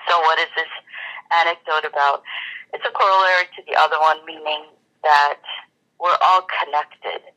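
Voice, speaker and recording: Reflective religious speaker with a bright, crisp tone; loose, rambling teaching delivery. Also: medium pitch, steady tone, normal speed, muffled recording. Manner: rambling, many fillers and restarts. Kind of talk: spiritual talk with a told fable.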